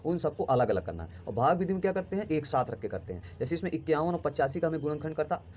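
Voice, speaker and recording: A man's voice: a little high, very animated, a little mellow, slight background noise. A man teaching a primary school math lesson, explaining steps and often checking if students follow. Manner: quick, explanatory, checks understanding with "clear?".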